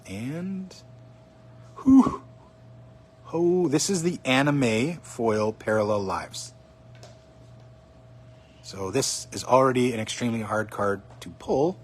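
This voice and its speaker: A man casually chatting on a livestream as he opens card packs, excitedly calling out each card he pulls, his voice a little hoarse. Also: medium pitch. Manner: chatty, excited, naming cards as he pulls them. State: slightly hoarse. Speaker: card box opening streamer.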